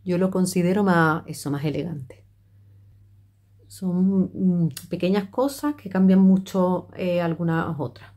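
A woman's voice: fairly low pitch, measured pace, warm tone. A middle-aged woman, chatting her way through a makeup tutorial with many fillers and restarts. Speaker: makeup vlogger.

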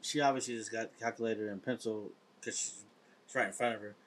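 A man's voice: lowish voice, steady tone, fast, slight background noise, rough recording. A man hosting a reaction video, giving casual, impressed asides into a studio mic in a home studio. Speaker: reaction host. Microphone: studio mic with headphones.

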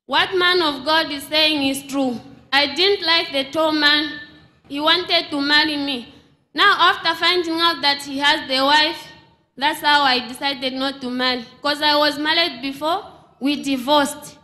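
A woman's voice: high voice, steady tone, unhurried, bright, forceful tone. A young woman from Zambia giving an earnest church testimony into a handheld mic. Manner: earnest storytelling. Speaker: testifying congregant. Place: large church hall. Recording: echoey church hall.

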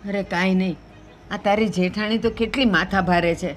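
A woman's voice: mid-range voice, fairly even intonation, normal speed, natural voice. Lady doing a grumpy old mom, gujarati accent, complains a lot, faint music. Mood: sulky. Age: older. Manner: complaining, sulky. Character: sulking offended old mother. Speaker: visiting mother.

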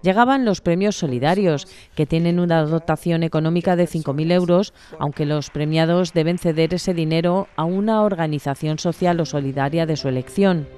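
A woman narrating a scripted news report in a measured, even way. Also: low voice, clear, resonant tone.

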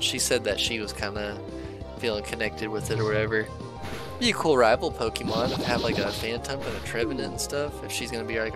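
A young man gives excited, casual let's play commentary and reacts aloud as he plays. His voice sits at a middle pitch. Game music plays clearly behind him. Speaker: gaming channel host.

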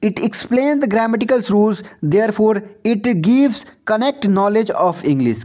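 A male teacher giving an exam-prep lecture, reading English definitions slowly and then explaining them in Hindi with rhetorical questions to the viewer. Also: high voice, darkish tone.

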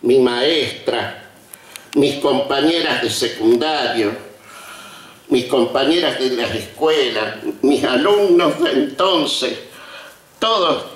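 Before seated guests in an outdoor colonial courtyard, an Argentine honoree of sixty-five, a retired teacher, reminisces in a halting, trembling speech full of deliberate pauses. His medium-pitched voice is animated, carried through stand-mounted podium mics that give a roomy, distant PA sound.

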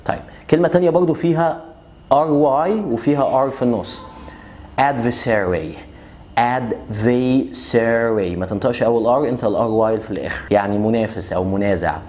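A young man with an Egyptian Arabic accent teaching English pronunciation in a casual video lesson, joking and boastful, slowing right down to spell out example words. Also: medium pitch, a little mellow. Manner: boastful, joking, rapid chatty explanations with slow drawn-out example words.

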